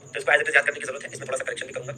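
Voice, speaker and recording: Rapid-fire, bright-voiced male history teacher. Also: medium pitch, level tone. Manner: repeats key terms, constant "ठीक है?" check-ins. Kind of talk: live online class lecture.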